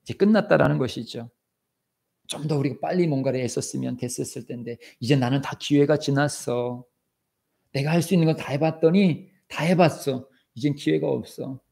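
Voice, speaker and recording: Gravelly, dramatic Korean pastor preaching. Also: male voice, medium pitch, normal speed. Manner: dramatic preaching, acting out quoted voices, shouting commands. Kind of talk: sermon. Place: church sanctuary.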